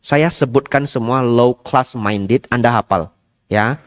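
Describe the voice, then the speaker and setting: A man's voice: mid-range voice, takes it slowly. A man giving a dharma talk as a Buddhist monk, asking his listeners rhetorical questions and mixing English phrases into his talk. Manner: lively, asks the audience rhetorical questions.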